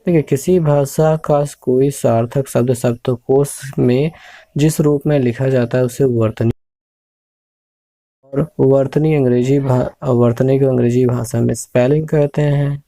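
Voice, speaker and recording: Slow, gravelly male teacher. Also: mid-range voice, fairly even intonation, dark tone, no echo. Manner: slow, repeats each word several times; hesitant, with filler "uh" sounds. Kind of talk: recorded spelling lesson.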